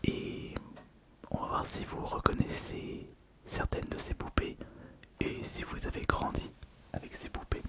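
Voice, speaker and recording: A man whispering an intimate ASMR monologue, very close, as if right in the listener's ear. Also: a little slow. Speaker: ASMR video host.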